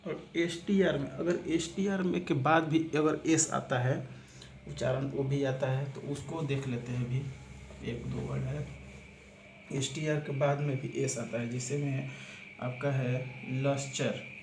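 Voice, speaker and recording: Flat-voiced man teaching shorthand, echoey. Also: mid-range voice, unhurried. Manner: repetitive, step-by-step explaining, keeps saying "aapka"; spells out words letter by letter. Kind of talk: spoken lesson walking through examples. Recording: echoey room with clear background noise.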